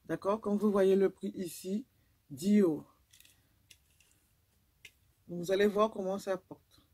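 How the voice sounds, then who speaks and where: A woman's voice: medium pitch, steady tone, takes it slowly, warm tone, husky. Chatty woman. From Guadeloupe. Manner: chatty, rambling, with frequent fillers. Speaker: vlogger. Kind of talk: casual haul video.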